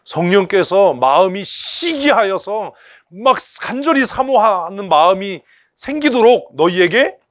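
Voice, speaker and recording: A man's voice: high voice, fairly bright tone, no echo. A man preaching a sermon in blunt, colloquial speech full of rhetorical questions. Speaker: pastor. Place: church service.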